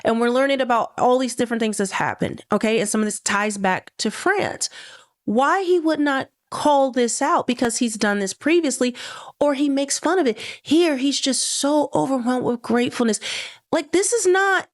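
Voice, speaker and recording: A woman's voice: high voice, normal speed. A woman co-hosting a podcast, chatting casually and incredulously with rhetorical questions. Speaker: podcast co-host. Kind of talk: casual conspiracy chat.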